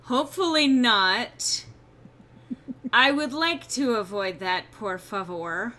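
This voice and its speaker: Bright-voiced woman, a bit under the weather. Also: a little high, slow. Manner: rambling, self-mocking chatter. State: slightly under the weather, subdued. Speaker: streamer host. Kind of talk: casual gameplay stream chat.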